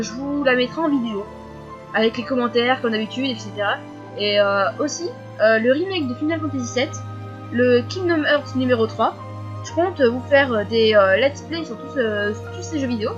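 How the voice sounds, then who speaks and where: A fifteen-year-old girl answering viewer questions in a casual vlog, talking fast with many fillers and frequent giggles. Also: sits high, dull audio, over music. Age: teens.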